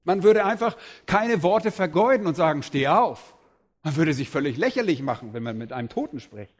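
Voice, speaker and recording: A man's voice: fairly high pitch, big pitch swings, moderate pace. A middle-aged man preaching a sermon, reading Bible passages aloud and then expounding them with emphatic rises.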